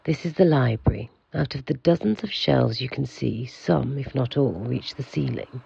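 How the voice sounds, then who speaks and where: In an audio drama, a man plays the aloof, pompous keeper of an institute for monsters, giving a full character voice that is formal, informative, measured, and curt. His voice is gravelly and husky yet mid-range and a little mellow, and the recording sounds muffled.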